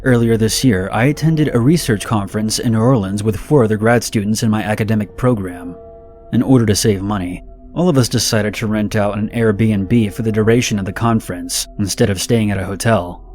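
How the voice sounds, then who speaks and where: A man narrating a scripted horror story in a steady, measured reading. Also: on the low side, faint music behind.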